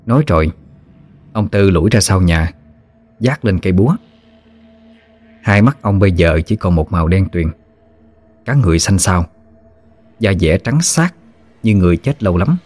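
A man with a Southern Vietnamese accent narrating a scripted horror story in a steady, measured way. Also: sits low, faint music behind.

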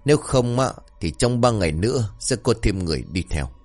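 A man's voice: expressive, brisk, darkish tone. Man narrating a ghost story over music. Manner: voices characters with raised pitch. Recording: faint music behind.

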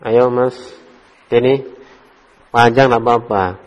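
A man teaching an Arabic class in a relaxed way, correcting his students. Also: medium pitch, slow. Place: study hall. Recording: dull echoey hall recording.

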